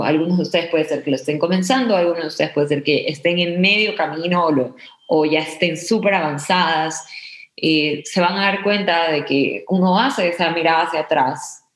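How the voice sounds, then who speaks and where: A young woman hosts a motivational podcast, coaching her listeners in an earnest, encouraging way. Her voice sits a little low for a woman. The room around her rings with noticeable echo. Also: vocal fry. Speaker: podcast host. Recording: echoey room.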